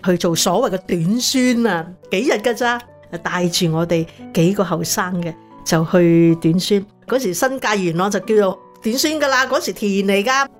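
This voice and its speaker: Woman from Hong Kong, mid-range voice, earnest animated testimony, light music bed. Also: medium pitch, normal speed. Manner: earnest, animated storyteller with lively acted-out quotes. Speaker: missionary guest sharing her testimony. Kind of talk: personal testimony in conversation.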